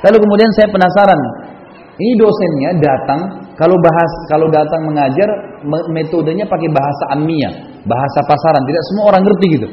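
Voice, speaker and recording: Guy preacher chatting through a story, rapid talker, long echo like a big hall. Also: a little high, slight background noise. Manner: casual, anecdotal, frequent conversational tags. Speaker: Islamic preacher. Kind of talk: storytelling sermon. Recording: echoey hall, dull lo-fi sound.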